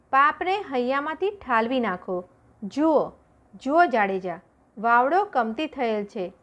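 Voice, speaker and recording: A woman voicing a calm, devout woman who firmly reassures a frightened man during a storm at sea. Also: fairly high pitch. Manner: calm, firm.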